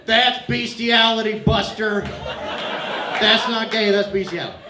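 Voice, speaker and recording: A man doing a loud, rambling stand-up set in a bar, mock-earnest and bantering with the crowd, a little out of breath. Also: high voice, slow pace, background noise. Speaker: stand-up comedian. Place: bar stage with laughing crowd. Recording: echoey bar room, crowd laughter.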